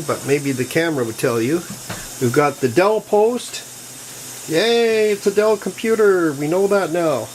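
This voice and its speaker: A man's voice: fairly high pitch, slight background noise, poor audio. Folksy older man talking through a build. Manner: folksy, chatty, with bursts of excitement. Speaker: PC repair hobbyist. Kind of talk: casual hands-on tutorial narration.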